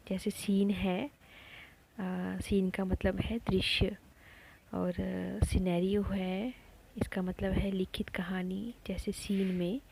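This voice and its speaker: A woman teaching a lesson on her own channel, talking slowly and patiently, repeating words and pausing often with fillers. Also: medium pitch, creaky, a little mellow, husky, low-quality recording. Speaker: teacher running an education channel. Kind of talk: slow spoken lesson on spelling.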